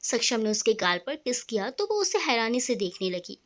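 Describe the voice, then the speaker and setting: A woman narrating a romantic family story in a steady storytelling manner. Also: a little high, moderate pace.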